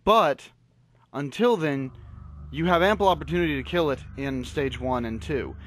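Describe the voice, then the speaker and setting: A man's voice: a little high, normal speed, fairly bright tone. A man hosting a gaming video, chatting casually and explaining the rules as he plays. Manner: chatty, explains game rules while playing. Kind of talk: casual gameplay commentary. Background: game music.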